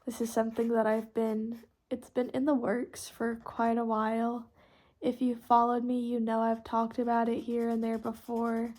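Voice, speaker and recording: A woman's voice: fairly high pitch, monotone, moderate pace, darkish tone. A teenage girl from Texas chatting informally and rambling as a podcast host, in a youthful casual way while coloring. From Texas, United States. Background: pencil and marker scratching on paper.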